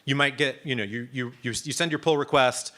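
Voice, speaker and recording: A man's voice: medium pitch, brisk, bright, forceful tone. Man teaching a casual live coding workshop. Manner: casual, many fillers and restarts. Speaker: workshop instructor.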